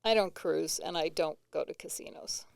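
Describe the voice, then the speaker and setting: A woman's voice: low-pitched, normal speed, vocal fry, no echo. A woman with a New England accent co-hosting comedic banter in a matter-of-fact, dry way. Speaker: co-host.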